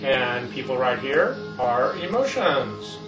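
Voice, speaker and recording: A man plays Santa Claus as an older keynote speaker, explaining things in a folksy, meandering manner. His mid-range voice is very animated but slow, and the recording is echoey, distant and muffled, with music behind it.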